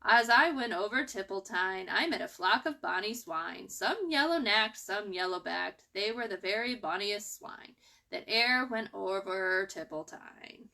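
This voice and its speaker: A woman's voice: medium pitch, expressive, a little slow, vocal fry, pushed and bright, full character voice. A woman voicing a cheeky, rude young male squirrel from a storybook, chanting riddles in a taunting singsong. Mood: playful chanting.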